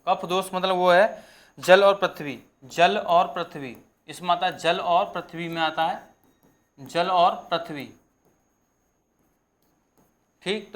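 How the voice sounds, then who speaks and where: Man slowly dictating a lesson. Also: on the high side, fairly bright tone. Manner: repetitive, dictating terms slowly for notes. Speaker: teacher. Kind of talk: exam-prep lesson.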